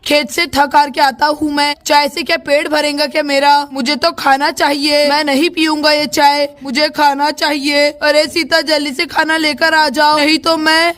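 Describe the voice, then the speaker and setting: A woman voicing a grumbling, hungry village husband in a doll story, complaining loudly. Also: high-pitched, little pitch movement, normal speed, few pauses. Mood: whining.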